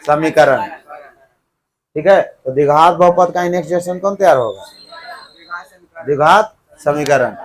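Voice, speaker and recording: A man lecturing a classroom in with a tinge, his voice sitting a bit high. He fires questions at the class and fills in the answers himself, keeping the lesson moving. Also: measured pace, long pauses, poor audio. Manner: keeps quizzing the class, then answering himself. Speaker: teacher. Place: classroom with students.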